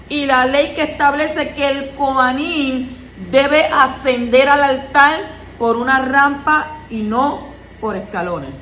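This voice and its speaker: A woman reading and teaching a weekly Torah portion in a measured tone, adding brief explanatory asides. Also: high voice, bright, forceful tone, roomy sound, slight background noise, rough recording. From Puerto Rico.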